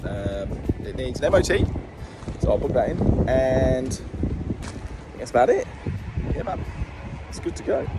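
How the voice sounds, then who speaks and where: A man's voice: medium pitch, sing-song, unhurried, pauses often, very noisy. A British man chatting casually for a vlog about his own work, playful and jokey, slipping into silly baby-talk words. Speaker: car dealer filming a repair vlog.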